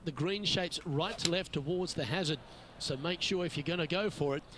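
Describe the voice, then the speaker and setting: An actor playing a measured, informative TV golf commentator in a video game. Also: male voice, on the high side, background noise, natural voice. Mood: measured, admiring. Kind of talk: scripted sports commentary.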